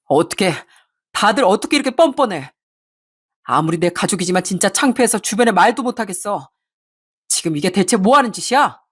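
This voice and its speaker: A woman's voice: mid-range voice, animated, a little fast, breathy edge. Woman doing a furious, fed-up husband. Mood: outraged. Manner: shouting, bitter outbursts.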